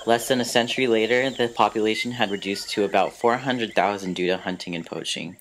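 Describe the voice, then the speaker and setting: A man's voice: lowish voice, fairly quick, a bit bright, slight background noise. A man reads scripted documentary narration.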